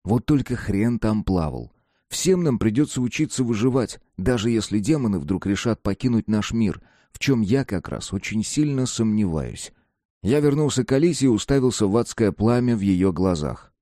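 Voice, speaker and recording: A man's voice: lowish voice, expressive, normal speed, warm tone, dry recording, studio quality. A man narrating an audiobook dramatically, acting out the dialogue. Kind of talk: scripted narration.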